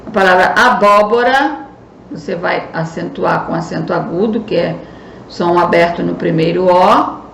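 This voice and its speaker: A woman's voice: lowish voice, fairly even intonation, normal speed, creaky. A Brazilian woman teacher with a Brazilian Portuguese accent, patiently explaining a recorded school lesson and stressing key words. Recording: echoey room, faint noise.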